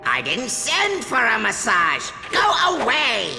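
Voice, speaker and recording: An actor playing a ranting megalomaniac robot villain in a video game, bombastic and melodramatic. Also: male voice, very high voice, huge pitch swings, takes it slowly, creaky, full character voice. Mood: irritated. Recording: echoey room with loud music.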